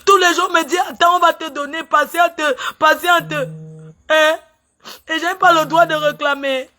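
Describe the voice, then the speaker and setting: A woman's voice: extremely high pitch, steady tone, normal speed, sharp tone. Tearful, indignant woman ranting live. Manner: agitated, repetitive, indignant questioning. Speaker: livestreamer airing a complaint. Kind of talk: emotional social media live rant. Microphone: phone on a live stream.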